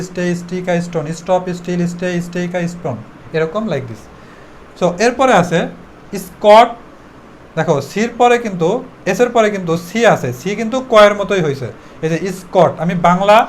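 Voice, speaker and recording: Bengali guy teaching english sounds, pretty high voice, repeats drill words over and over, bit of hiss behind. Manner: explains step by step, drills words in repeated rounds. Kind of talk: spoken English lesson.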